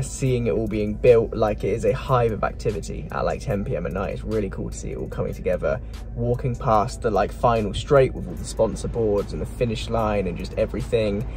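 A man with a slightly low voice talks casually to his phone camera late at night. He rambles quickly through his plans, in a plain phone video recording with music in the background. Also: darkish tone. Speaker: vlogger.

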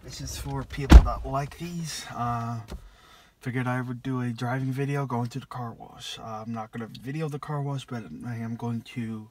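Man vlogging over loud road noise. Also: mid-range voice, fairly even intonation. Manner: rambling, halting with many fillers. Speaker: YouTuber. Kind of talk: casual driving vlog. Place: inside a moving car. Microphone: phone mounted on the dashboard.

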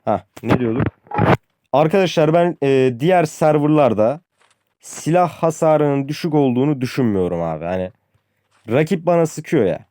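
A man's voice: fairly high pitch, expressive, moderate pace, warm tone, a little hiss or hum. Frustrated young man ranting over gameplay. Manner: frustrated, ranting about the game; addresses viewers as friends, says "abi" often. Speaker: gaming youtuber. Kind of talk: casual gameplay commentary.

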